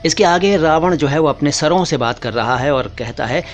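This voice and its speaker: A man's voice: a little high, normal speed. A man teaching word origins in a casual, patient lesson, often repeating key words and calling his viewers brother. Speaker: language teacher.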